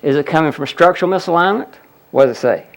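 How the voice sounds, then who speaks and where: A man presents a healing seminar in a fast, high-pitched voice. Speaking directly to the audience, he explains a live demonstration and frequently points things out with "look at that."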